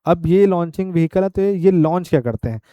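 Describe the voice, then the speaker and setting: A male teacher gives an exam-prep lecture. He moves step by step through the material and keeps checking in with the class. His voice sits fairly high, with a mellow, smooth tone, recorded close and dry. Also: animated, fast talker, no room sound, muffled recording. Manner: explains step by step, with frequent "ठीक है" checks.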